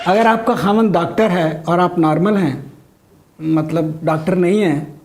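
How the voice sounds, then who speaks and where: A man's voice: high voice, a little slow, a little mellow. A man, performing a stand-up comedy monologue, delivering his jokes dryly to a laughing audience. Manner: dry joke delivery with an audience laughing along. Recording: noisy recording.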